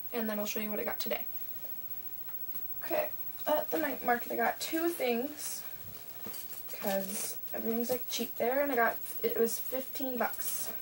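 A young woman from Canada talking casually in a haul video, chatty and rambling with lots of fillers, in a small bedroom. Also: on the high side. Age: young adult. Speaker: vlogger. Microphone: webcam at desk distance. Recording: webcam mic from a distance, faint hiss.

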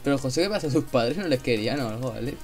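A teenage man from Spain with a Spanish accent, chatting casually and swearing while playing a game, with sudden yells. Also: mid-range voice, expressive, quick pace, soft background music. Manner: crude joking, bursts of yelling. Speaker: gamer. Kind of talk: casual chat while gaming.

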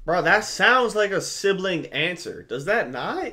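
A man in his twenties streams a reaction from his bedroom, talking through a headset mic. His voice sits high and bright, and it swings up and down a lot. He keeps it loose and slangy, swearing freely. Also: big pitch swings, unhurried, a little hiss or hum. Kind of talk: casual live reaction commentary.

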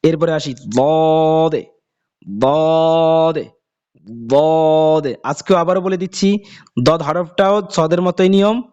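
A man's voice: fairly high pitch, little pitch movement, a little mellow, smooth. Man drawling letter names, dull lo-fi sound. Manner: explains letters and drawls each letter name slowly again and again. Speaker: Quran reading teacher. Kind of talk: casual spoken lesson.

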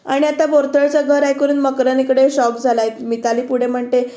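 A woman's voice: high-pitched, flat delivery, moderate pace, warm tone, echoey room. A woman reviewer giving a casual recap of a TV serial episode as a voice-over, talking straight to her viewers in a chatty way. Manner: chatty retelling that addresses viewers directly.

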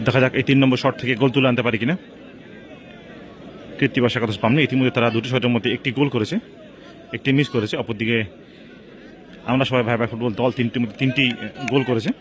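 Male football commentator, rapid-fire excited shootout calls, crowd and faint noise behind him. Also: mid-range voice. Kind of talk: live play-by-play football commentary of a penalty shootout. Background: outdoor crowd at a local football match.

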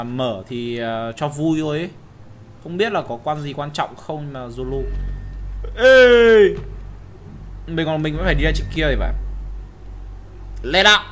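A young man playing a horror game while he talks, yelping and shouting at every scare and muttering quietly when he sneaks around. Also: fairly high pitch, a little hiss or hum. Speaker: gaming channel host. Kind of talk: horror game let's play commentary.

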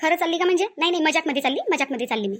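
Speaking very fast in a high voice with lively intonation, she plays the stubborn young daughter-in-law of a cartoon family drama. Her Varhadi Marathi accent carries an angry, aggrieved mood as she keeps complaining and repeating herself.

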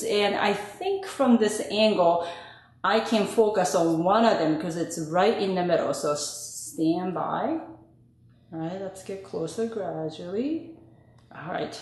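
Slow-talking woman with big echo. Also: medium pitch, expressive, a little mellow. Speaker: host of a home gardening video channel. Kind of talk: casual narration of a plant update. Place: echoey indoor room with bare walls. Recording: very echoey bare room.

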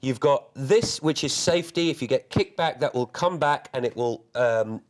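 A man's voice: medium pitch, expressive, normal speed. A middle-aged man demonstrating a product on a TV shopping set, talking in a chatty way full of fillers and restarts.

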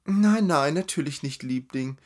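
A man's voice: animated, unhurried, darkish tone. A man doing a giggly vain young lady, Lazaralen. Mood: chattering. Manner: high, drawling, chattering. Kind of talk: storybook reading.

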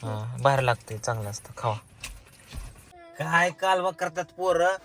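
A man's voice: on the high side, lively intonation, a little slow, very noisy. A man making a casual family vlog, talking to viewers and coaxing and scolding small children as he films. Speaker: vlogger.

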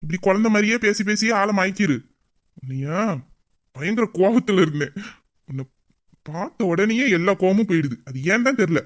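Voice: medium pitch, expressive, moderate pace, pauses often, lightly acted. Someone playing a sulky, lovesick young man. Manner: grumbling, mock-angry, then tender. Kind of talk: romantic audio drama.

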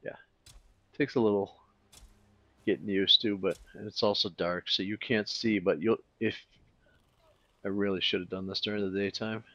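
A man talking through a game tutorial in a relaxed, casual way, thinking aloud with fillers as he clicks along. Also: fairly low pitch, normal speed, long pauses, dry recording, dull audio. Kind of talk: casual screen-recorded tutorial.

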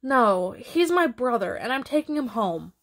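A woman voicing a bossy, excitable little girl in a storybook read-aloud. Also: on the high side, a little slow, full character voice. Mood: firm.

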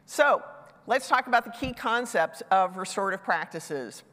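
A middle-aged woman gives a conversational talk on a large, dark conference stage through a headset mic, her medium-pitched, fairly bright voice moving with lively intonation at a moderate pace. A sinus infection leaves her slightly congested, and she slips in self-deprecating asides. The hall's reverb carries through the recording.

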